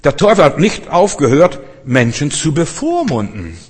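A man preaching a sermon, emphatic and direct, turning from loud outbursts to soft, low passages and putting questions to his listeners. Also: huge pitch swings, moderate pace, breathy edge. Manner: addresses listeners directly, often with rhetorical questions. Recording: long hall reverb.

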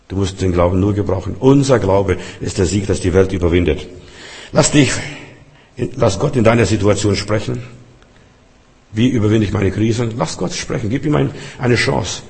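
A man preaches with a low voice, hammering home repeated refrains and swinging between loud bursts and hushed lines. His words ring out into the long reverb of a vast church hall. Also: vocal fry. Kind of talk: sermon. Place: Berlin Cathedral.

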